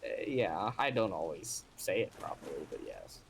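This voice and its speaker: A man talking quickly as a guest on a live stream, his sentences trailing off softly. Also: low voice, sing-song, gravelly, a little hiss or hum. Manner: talks fast, trailing off softly. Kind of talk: casual chat.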